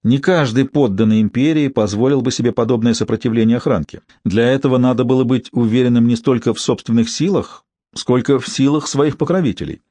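A man narrating an audiobook in a steady, measured storytelling manner. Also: medium pitch, dry recording. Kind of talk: scripted narration.

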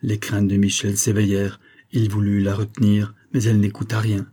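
A man reads a classic novel aloud in a steady, measured way. His voice sits low and dark. It has a husky grain. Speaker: audiobook narrator. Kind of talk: scripted narration of a novel.

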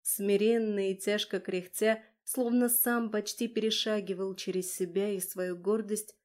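A woman narrating a fantasy audiobook, steady and even in delivery. Her voice is warm and mellow, pitched in a middle range. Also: unhurried. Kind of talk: scripted narration.

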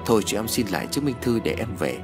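A man's voice: lowish voice, big pitch swings, quick pace, music in the background. A man reading the lines of a frightened young woman who pleads in a shaken way. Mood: pleading.

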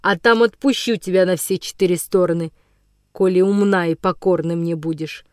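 A woman voicing a coarse older male forest vagabond villain in an audiobook, with a rough, menacing, gloating voice. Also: on the low side, steady tone, moderate pace, no echo, clean studio sound, close to an everyday voice. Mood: threatening. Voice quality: rough, hoarse-edged voice. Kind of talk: audiobook character reading.

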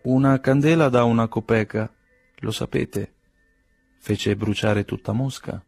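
A man's voice: mid-range voice, unhurried, gravelly, darkish tone, slightly rough, no room sound, faint music behind. A man playing a blunt, gloomy young nihilist. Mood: defiant. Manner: curt, sullen, insolent, speaks through his teeth.

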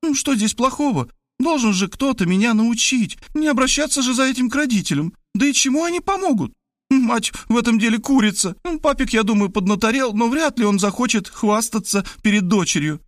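A man's voice: very high voice, animated, brisk, dry recording, studio quality, pitched above the performer's own voice. A man voicing a brash, pushy eighteen-year-old girl who chatters in slang and keeps insisting. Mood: insistent. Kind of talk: audiobook character voice.

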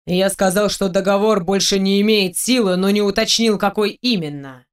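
A reader voicing a cunning, powerful male mage lord who speaks calmly and tersely in an audiobook. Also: medium pitch, normal speed, smooth, close to an everyday voice. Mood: explaining. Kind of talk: audiobook character voice.

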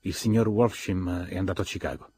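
A man's voice: low-pitched, fairly even intonation, a little fast, mellow, slight background noise, natural voice. A man voicing an indignant secretary woman who speaks curtly and scolds. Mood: hostile. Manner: curt, scolding.

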